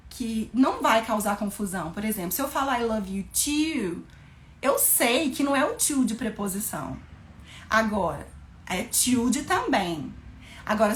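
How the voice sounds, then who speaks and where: A woman's voice: fairly high pitch, a bit bright. Woman teacher explaining English in an echoey room. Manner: spells out words letter by letter, slows for English examples. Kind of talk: casual explanatory lesson.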